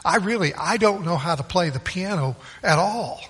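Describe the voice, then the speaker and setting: A man's voice: high-pitched, animated, normal speed, a bit bright, breathy edge, full character voice. A man voicing a young pastor's wife who sternly protests that she cannot play the piano. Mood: protesting.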